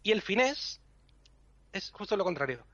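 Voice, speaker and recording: In a dull, lo-fi, dry podcast recording with faint music, a man with a high, slightly bright voice and big pitch swings explains language rules to a co-host at a moderate pace. As the language section guest, he is patient and teacherly, chuckling frequently.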